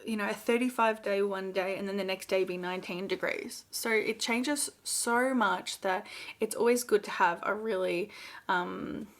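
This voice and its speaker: An Australian woman talks through her plans in a relaxed, chatty knitting vlog. She rambles a bit, with plenty of ums, likes and restarts, at a mid-range pitch. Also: moderate pace. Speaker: knitting vlogger. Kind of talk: casual chat.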